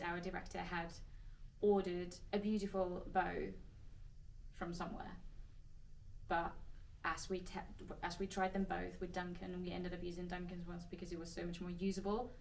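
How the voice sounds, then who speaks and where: A woman's voice: on the low side, little pitch movement, normal speed, gravelly, a little mellow, recorded from a distance, low-quality recording. A woman from Finland with a Finnish accent, answering Q&A questions in a chatty, hesitant way with many restarts. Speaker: actress. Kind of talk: casual Q&A answers.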